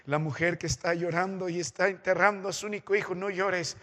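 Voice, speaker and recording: A man with a Peruvian Spanish accent, preaching a sermon as pastor, with impassioned swings between loud exhortation and quiet consolation. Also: steady tone, a little fast. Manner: impassioned preaching with sweeping pitch and loudness swings. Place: church sanctuary. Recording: church hall reverb.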